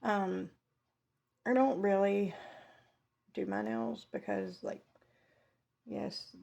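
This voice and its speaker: A woman's voice: medium pitch, drawn-out words, creaky, a little mellow. A woman chatting casually in a vlog while eating, chewing as she talks in a rambling, self-interrupting way. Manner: chewing food while talking; rambling, self-interrupting, chuckling between phrases. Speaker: vlogger.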